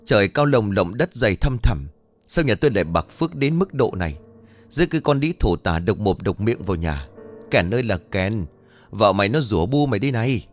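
A man voicing a bossy, spiteful old mother-in-law who shouts and hisses insults at her daughter-in-law. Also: on the low side, very animated, fairly quick, faint music behind. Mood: scolding. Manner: harsh, shouting, hissing insults.

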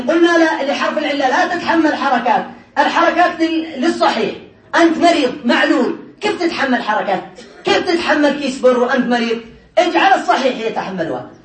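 A male teacher gives a classroom grammar lesson step by step, often laughing as he checks whether students follow. He has a very high, somewhat bright voice, recorded in an echoey room with the mic far away.

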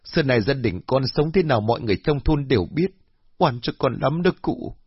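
A man's voice: a little high, expressive, fairly quick, breathy edge, no echo, pitched above the performer's own voice. A man voicing a distressed young village woman, daughter of the deceased, pleading her innocence in tears in a storybook reading. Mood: tearful pleading. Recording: dull lo-fi.

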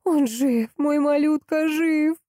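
A woman voicing a desperate young mother who pleads in a trembling voice that rises to shrill cries. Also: unhurried, mellow, no room sound, clean studio sound, natural voice. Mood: overjoyed.

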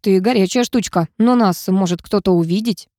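A woman's voice: mid-range voice, moderate pace, dark tone, dry recording, studio quality, lightly acted. A woman voicing a cocky, teasing young male student mage in an audiobook, smug and self-assured. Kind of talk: audiobook character voice.

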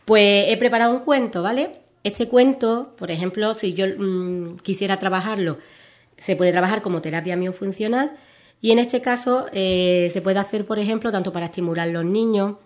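A woman, reading a children's story aloud as a radio guest, soft-spoken and lively. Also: medium pitch, normal speed.

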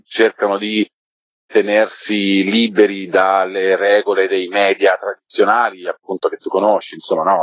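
A podcast curator, a man with a lowish voice and a breathy edge, gives discursive, explanatory answers during a conversational interview. The line is roomy and dull, with a lo-fi quality.

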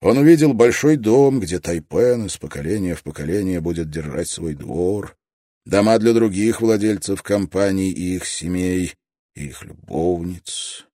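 Low-voiced male audiobook narrator. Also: lively intonation, a little slow, dark tone, no room sound, clean studio sound. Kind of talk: scripted narration.

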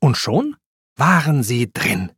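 A man narrating a children's storybook with expressive, slow reading. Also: medium pitch, husky, dry recording, studio quality.

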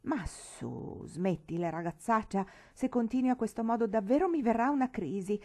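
A woman's voice: a little high, expressive, moderate pace, dark tone, pitched above the performer's own voice. A woman reading an audiobook, voicing a prim, affected young lady who complains about her sister's coarse words. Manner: fussy, genteel, complaining.

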